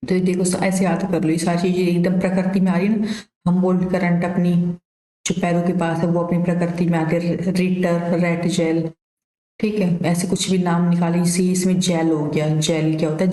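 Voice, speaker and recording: A woman's voice: lowish voice, completely flat delivery, moderate pace, warm tone, echoey room, low-quality recording. A woman teacher going through exam questions one by one, explaining the answers casually and giving memory tricks. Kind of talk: exam revision lesson.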